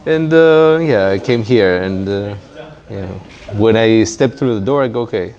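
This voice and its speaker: A Greek man with a Greek accent, a startup founder, speaks as a guest in a casual fireside chat interview at a live event in a community tech workspace. His voice is fairly low, darkish, and moderately paced, and his manner is wry and self-deprecating. He uses a handheld microphone, and the recording sounds dull and muffled with background noise.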